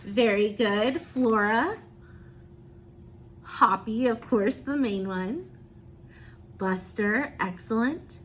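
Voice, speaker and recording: A woman teacher with a slightly high voice reads a picture book aloud expressively, pausing to encourage her young listeners with questions and praise.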